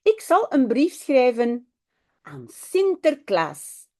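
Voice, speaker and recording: An eager little boy from a children's storybook, a bit naughty, as a woman reads him aloud. His voice is high and bouncy, with slow, careful phrasing. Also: very animated, dark tone, full character voice.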